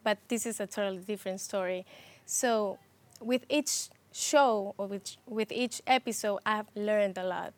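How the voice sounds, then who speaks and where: Woman, Ecuadorian-born, interview guest, hesitant restarts, soft laughs. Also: mid-range voice, a little slow. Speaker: interview guest, TV producer and host. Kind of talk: casual interview conversation.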